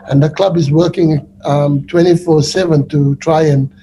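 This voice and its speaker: A man in his forties with a South African accent, a football coach answering press questions in a relaxed, rambling way with many restarts, speaking over a webcam on a video call. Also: on the high side, normal speed, background noise. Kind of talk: post-match press conference answers. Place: indoors before a sponsor backdrop.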